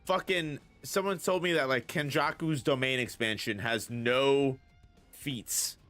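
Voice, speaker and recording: A man's voice: mid-range voice, a little slow, a bit bright, soft background music. A young man hosting a casual anime discussion, rambling with lots of fillers and restarts. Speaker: channel host.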